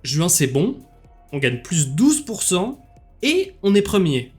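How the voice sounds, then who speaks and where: Homme à la voix assez haute, commentant un jeu. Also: male voice, high-pitched, slow pace, slightly rough, faint music behind. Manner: lively, joking, with many fillers. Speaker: streamer. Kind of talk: commenting a game live with jokes.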